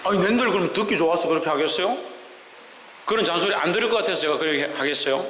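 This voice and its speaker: A male pastor preaching emphatically, firing rhetorical questions and swinging between loud and soft. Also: on the high side, rapid-fire, roomy sound, big-room sound, slight background noise, poor audio. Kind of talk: sermon. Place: church sanctuary.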